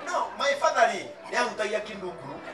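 A man in his thirties preaching in a large outdoor tent on a handheld mic. He tells stories and then shouts his sermon points. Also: sits high, very animated, fast talker, distant mic, background noise. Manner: switches from storytelling to shouted preaching. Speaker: pastor. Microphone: handheld mic, pacing the stage. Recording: roomy tent sound, off mic, faint music and crowd.

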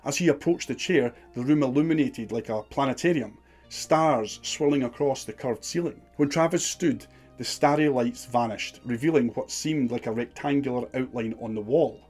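A man's voice: medium pitch, normal speed, darkish tone, slightly rough, faint music behind. A man giving scripted documentary narration in a dramatic, suspenseful storytelling manner.

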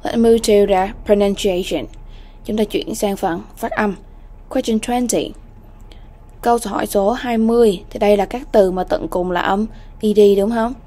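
A woman teaching an English exam-prep lesson, slowly repeating English words and often checking in with students. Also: mid-range voice, warm tone.

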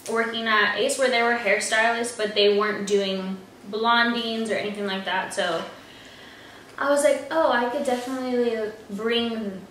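A young woman hosting a casual chat over a meal, relaxed and chatty, with lots of fillers. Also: fairly high pitch, moderate pace, recorded from a distance, slight background noise. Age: young adult. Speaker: vlogger and hairstylist. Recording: roomy echo from off-mic.

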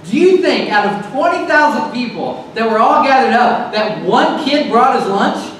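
A man preaching a sermon in a church, talking in a conversational, animated way and acting out little scenes. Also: very high voice, moderate pace, slight background noise. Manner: conversational, animated, acts out voices with laughs. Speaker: pastor. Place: church sanctuary. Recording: very echoey church hall, mic at a distance.

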